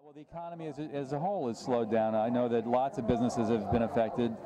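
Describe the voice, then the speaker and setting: A man giving an informal interview as a dentist guest, speaking haltingly and repeating words. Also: medium pitch, steady tone. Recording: loud urban ambient noise.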